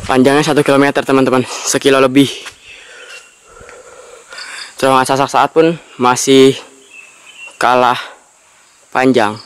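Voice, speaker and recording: A man's voice: medium pitch, fairly even intonation, a little slow, long pauses, slight background noise. A man hosts an on-location travel vlog, explaining things and repeating facts for emphasis. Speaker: vlog host. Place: outdoors by a railway tunnel mouth in forested hills.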